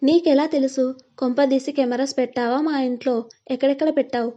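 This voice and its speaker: A young bride-to-be, tender with her family and sharp in her comebacks, played by a woman narrator. Her voice is high and mellow, told as a storybook. The sound is somewhat dull and lo-fi. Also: steady tone, close to an everyday voice. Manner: quick retorts.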